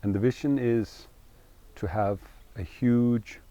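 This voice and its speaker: A middle-aged man, speaking in English, talking earnestly and thoughtfully in an interview and pausing to find his words. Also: medium pitch, fairly even intonation, mellow, no room sound, muffled recording. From Denmark. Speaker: co-founder interviewee. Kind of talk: reflective interview talk.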